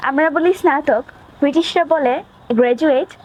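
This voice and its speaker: Woman, high voice, scripted vocabulary lesson, even list-like reading, noisy hiss behind. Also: brisk. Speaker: English teacher.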